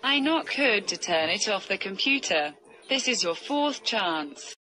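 Slow, bright-voiced woman making threats. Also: medium pitch, expressive. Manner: threatening, counting down warnings with growls; broken, simple English phrasing. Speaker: VTuber. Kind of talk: acting out a computer error character.

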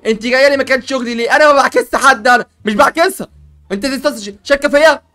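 A man with an Egyptian accent, playing a barber in a comedic game role-play, joking and stammering in quick repeats. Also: very high-pitched, bright, forceful tone, faint music behind.

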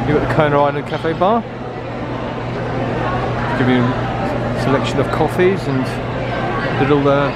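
A middle-aged man narrating a casual vlog while walking through a resort. He talks in an enthusiastic, chatty way and often trails off with fillers. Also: a little high. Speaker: vlogger, dad. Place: busy resort lounge and restaurant indoors. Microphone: handheld camera. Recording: loud crowd and room noise.

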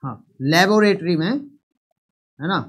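A man's voice: high voice, unhurried, a bit bright. A man teaching a live online chemistry lesson, repeating each point and quizzing students.

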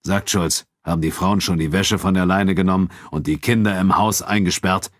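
A surly, scornful male troupe leader in a spoken storybook, played by a man reading it. He growls his lines in a deep, low voice with open contempt. The recording is dry and close. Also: steady tone, normal speed, dry recording.

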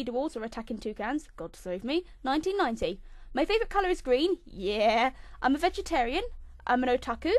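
A young English woman in her twenties, a channel host, runs through a scripted fifty-facts vlog about herself. Her high voice swings up and down in a chirpy, bouncy delivery that suddenly dips into a low mutter. The sound is dry and close, captured on a home computer mic.

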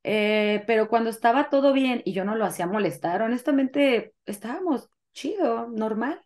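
As an interview guest, a young adult woman recounts her personal experiences in a Mexican Spanish accent. Her pitch is a touch high and her pace normal, and her storytelling is lively, with the dialogue acted out.

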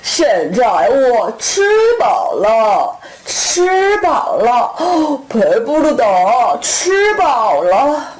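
A woman voicing a greedy, sly big bad wolf in a children's storybook, drawn out in slow, exaggerated phrases. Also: a little high, big pitch swings, a little mellow, exaggerated voice.

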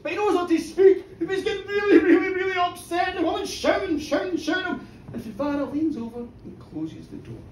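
A man's voice: extremely high pitch, lively intonation, brisk, slight background noise. A male storyteller telling a folk tale to a live audience in a pub, playful and questioning the crowd, recorded from a distance in an echoey room. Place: pub venue, live show.

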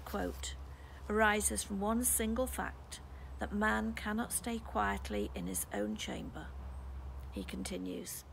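A British woman in her sixties, a priest giving a calm, measured sermon in her garden, read from notes into a phone. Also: medium pitch, vocal fry, a little hiss or hum, rough recording. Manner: calm, measured, reflective delivery. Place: garden outdoors. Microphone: phone camera held close.

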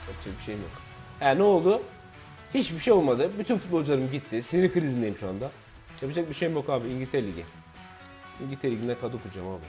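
A man commentating his own football video game, frustrated, shouting and swearing at his players. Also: mid-range voice, lively intonation, quick pace, soft background music. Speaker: gaming YouTuber.

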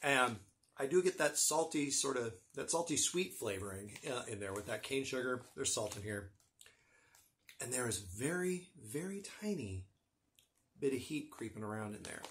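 A middle-aged man with a husky voice gives a casual, wry snack review with dry humor. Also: mid-range voice, a bit bright, slight background noise. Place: small room with bookshelves, indoors.

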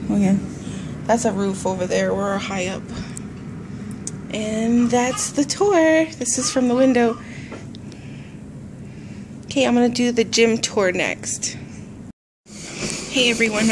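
A woman speaks slowly and unhurriedly as she shows around a hotel room, her voice a little high. It sounds like a handheld phone recording indoors, with clear room noise behind her. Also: steady tone. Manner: slow, easygoing pointing-out of things. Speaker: vlogger giving a hotel tour. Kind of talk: casual walkthrough narration. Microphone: handheld phone camera.

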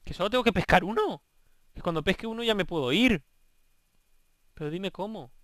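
Young man, Spain Spanish accent, let's play host; clear, bright voice; excitable, swears freely. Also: sits high, fairly quick, dry recording. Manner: excitable, swearing, bantering with game characters. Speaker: gaming video host.

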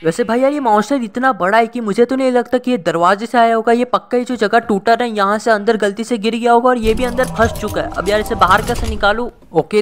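A man giving excitable gameplay commentary, chatty with his viewers and breaking into frantic exclamations. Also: extremely high pitch, a little hiss or hum. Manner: chatty, addresses viewers as guys and brother. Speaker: gaming channel host.

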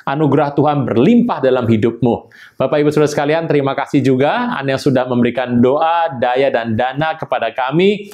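A man's voice: mid-range voice, brisk, darkish tone, highs cut off. A man preaching an online sermon, emphatic and repeatedly addressing his listeners directly.

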